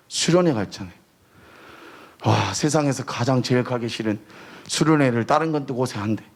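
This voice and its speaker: A man giving a sermon as a missionary preacher, telling his testimony in an animated, storytelling way and rising to emotional near-shouting at the high points. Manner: animated storytelling, acting out quoted voices. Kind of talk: sermon testimony to a youth service.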